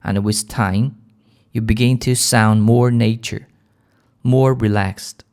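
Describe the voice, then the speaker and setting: A man with a British accent leading a shadowing lesson for English learners in a calm, gentle, clear manner. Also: on the low side, slow pace. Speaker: English teacher.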